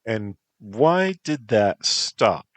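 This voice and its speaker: Man voicing weary young man, wry, sulky, deep, unhurried. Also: very animated, dry recording, exaggerated voice. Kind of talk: storybook narration.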